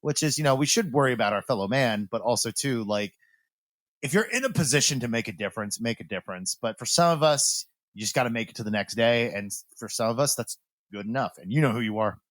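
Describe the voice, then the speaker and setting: A man co-hosting a podcast in a loose, informal style. He rambles through casual banter and swears freely. His voice is mid-pitched and recorded close and dry. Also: fast, a bit bright, no room sound. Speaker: podcast host.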